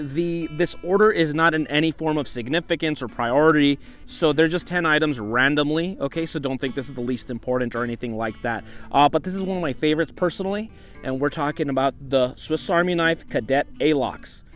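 A man's voice: on the high side, a little fast, a bit bright, faint music behind. A young man hosting an outdoor vlog in the desert, talking casually about gear and often saying "once again" and "you know". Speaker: outdoor channel host.

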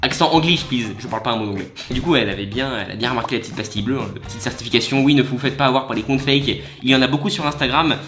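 A man's voice: mid-range voice, fairly bright tone, faint music behind. A young man chatting casually and laughing as he reacts to fans' voice messages. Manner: chatty, laughs often, quick asides. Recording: roomy echo.

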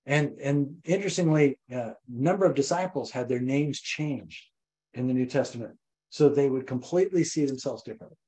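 An older man preaching a sermon as pastor, animated and repetitive, acting out voices. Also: normal speed, low-quality recording. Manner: animated, repeats phrases, acts out voices with rising pitch. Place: church.

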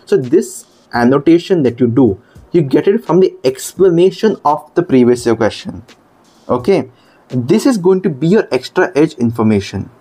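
A man at an ordinary middle pitch explains medical exam material step by step. He speaks emphatically and stops often to check with the listener. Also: darkish tone, husky. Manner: explanatory, emphatic, repeats 'okay'. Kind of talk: screen-demo lesson.

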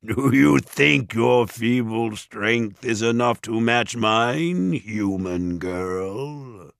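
Hulking ogre villain, painfully slow. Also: male voice, gravelly, fairly bright tone, exaggerated voice. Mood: scornful. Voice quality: deep, booming, growling. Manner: slow, commanding, menacing. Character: hulking menacing male ogre villain, booming and boastful.

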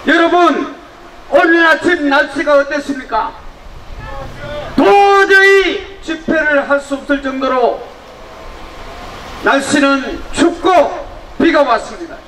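A man with a very high voice delivers a slow, deliberate political speech to a crowd outdoors, throwing rhetorical questions at them and building to shouts. He is heard from a distance through loudspeakers, with the sound echoing around him. Steady outdoor noise sits clearly underneath. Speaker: rally speaker. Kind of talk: fiery political rally speech. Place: outdoor rally.

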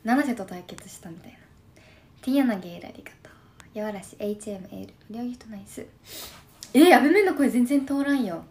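A young woman in her twenties with a Shimane accent and a husky, slightly hoarse voice, chatting casually on a live stream. She reads viewer comments aloud and murmurs quick thank-yous between remarks. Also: fairly high pitch, lively intonation, a little mellow. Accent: Shimane dialect. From Shimane, Japan. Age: 20s. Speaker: idol livestreamer.

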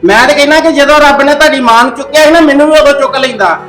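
A man's voice: very high-pitched, racing, a bit bright, echoey room, faint music behind. A man playing a proud, stern village father who scolds his grown daughters harshly. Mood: angry. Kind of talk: domestic drama acting.

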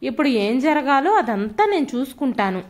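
A woman's voice: high voice, very animated, normal speed. Brief: kind grown son, earnest and apologetic, woman narrator doing him. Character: caring grown son returning to help.

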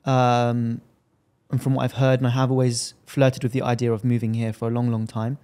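A man's voice: medium pitch, completely flat delivery, a little fast, warm tone. A man from London hosts a casual interview, chatty and fond of teasing his guest. His London accent is plain as he asks questions and makes long points. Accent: London English. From London, England. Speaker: interviewer host.

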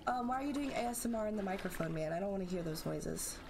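A woman's voice: medium pitch, lively intonation, fast, noisy background. A woman giving nervous, chatty let's-play commentary, talking to herself as she plays. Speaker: gaming channel host.

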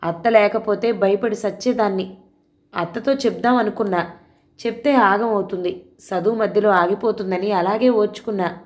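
A teenage village girl, frightened yet defiant, pleads earnestly as she recounts her ordeal, voiced by a woman storyteller. The audio storybook reading stays at an ordinary, middle pitch. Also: normal speed, natural voice.

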